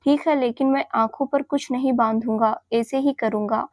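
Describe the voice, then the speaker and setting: A woman's voice: fairly high pitch, fairly even intonation, normal speed, a little mellow, no room sound, studio quality, natural voice. A woman voicing a young man, a stern but loving fiancé who scolds firmly yet tenderly, in an audio story.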